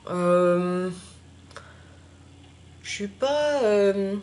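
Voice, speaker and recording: A young woman talks casually to her viewers in a vlog, pausing often with fillers as she searches for words. Her phrases fade softly at the ends, and her voice sits at an ordinary middle pitch. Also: expressive. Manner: hesitant, full of "euh" fillers; phrases trailing off quietly. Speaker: YouTube vlogger. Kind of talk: casual chat.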